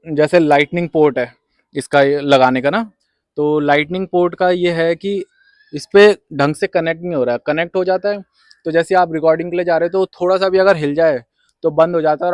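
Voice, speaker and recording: A man's voice: a little high, no room sound. Young man, casual vlogger, rambling and repetitive, clip-on mic, dry sound. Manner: rambling, repeats himself, mixes English words into Hindi. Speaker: vlogger reviewing a microphone. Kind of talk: casual unboxing vlog. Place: rooftop outdoors and indoors. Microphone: wireless clip-on mic and phone mic.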